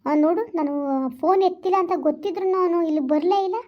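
A woman plays a jealous young woman scolding her lover in a rural vlog skit, reproachful and fast-talking. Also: steady tone, dull audio. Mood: brooding. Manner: reproachful, quick and high-pitched. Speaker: amateur skit actor. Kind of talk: village vlog skit acting.

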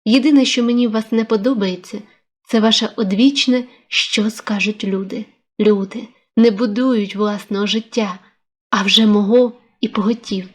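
A woman's voice: medium pitch, steady tone, moderate pace, close to an everyday voice. A woman reading a novel aloud, voicing an ardent, insistent young man who presses a proposal. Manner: pressing, persuasive.

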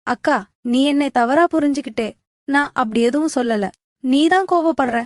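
A woman's voice: high voice, normal speed, no echo, studio quality, natural voice. A woman voicing a sly, pushy teenage younger brother who talks in a coaxing, wheedling way.

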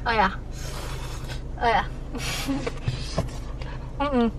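A woman's voice: a little high, very slow, recorded from a distance, background noise. A young woman joking with a friend in casual chat, her mouth full of pizza. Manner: joking, playful. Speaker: friend of the vlogger.

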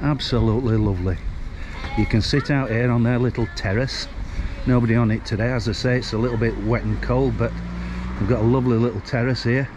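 Here a Northern English man in his sixties talks casually for his walking vlog, recording on a handheld camera along the seafront. He speaks slightly quickly in a steady, mid-range voice against a noisy backdrop.

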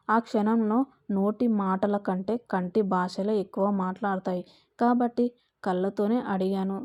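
A woman narrating a first-person story in a slow, emotional way. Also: mid-range voice, mellow, dry recording.

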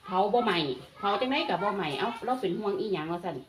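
A woman with an Isan Lao accent casually recounting a dream in an animated way. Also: mid-range voice, fast, reverberant, background noise. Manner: lively, animated retelling with quoted voices. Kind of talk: casual storytelling about a dream.

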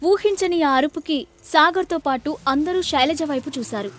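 A woman's voice: high voice, normal speed, a bit bright, slight background noise. A woman narrating a dramatic story expressively, acting out every character herself.

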